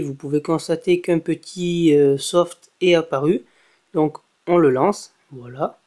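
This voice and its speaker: A tech blogger walks through a casual tutorial in a slightly high, darkish-toned voice. He hesitates a lot, filling gaps with fillers, and says "voilà" after every step.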